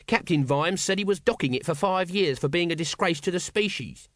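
A man reading an audiobook, voicing a shifty little watchman in a high, whiny, cheeky voice, recorded dry. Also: brisk, a bit bright, no echo. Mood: needling.

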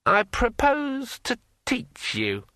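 A domineering magic sword speaks in a high, ringing voice that draws every word out slowly, as a man acts it. The delivery is bright and lively, with a dry, close sound. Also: no echo, full character voice. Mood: threatening. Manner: slow and drawn out. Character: pushy talking magic sword, male, bossy.

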